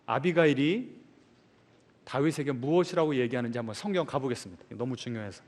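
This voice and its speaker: A male pastor preaching a sermon, asking the congregation questions and answering them himself, swinging between loud emphasis and soft asides. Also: mid-range voice, fairly quick. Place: large church sanctuary. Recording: long reverb of a large church hall.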